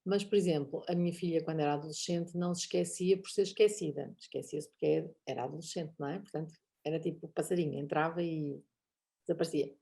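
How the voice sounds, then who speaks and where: A woman's voice: low voice, quick pace, creaky. A middle-aged woman with a European Portuguese accent, talking casually as a guest speaker, laughing often and acting out bits of dialogue. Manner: animated, laughs often, acts out quoted dialogue. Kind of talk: online talk session, casual conversation.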